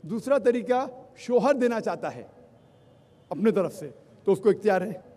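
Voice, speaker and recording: A man speaking at a public Islamic lecture responds to questions from the audience, listing his points in order and slipping in English phrases. He has a high, expressive, dark-toned voice and speaks at a normal pace, with long reverb from the hall.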